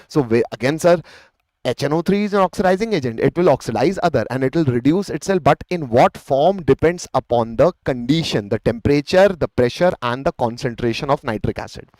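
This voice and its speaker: A man's voice: fairly high pitch, darkish tone, no echo, low-quality recording. A man with an Indian accent giving a live exam-revision lecture as a teacher, explaining step by step, repeating phrases and answering his own questions. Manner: explanatory, poses questions and answers them himself. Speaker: chemistry teacher.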